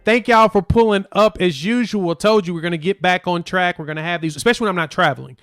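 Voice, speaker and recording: A man's voice: sits high, quick pace, a bit bright, clean tone, no room sound, studio quality, soft background music. A young man hosting a casual solo sports talk podcast, chatty and rambling with a sing-song delivery. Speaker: podcast host.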